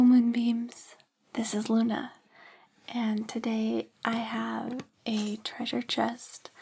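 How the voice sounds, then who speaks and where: A woman hosting ASMR in a breathy, unvoiced whisper, speaking gently in slow, deliberate phrases. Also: on the high side. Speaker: ASMR host.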